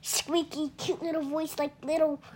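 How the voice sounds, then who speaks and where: A woman's voice: high voice, flat delivery, normal speed, a little mellow. Giggly rambling young girl. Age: child. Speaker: podcast co-host. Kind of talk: casual chat.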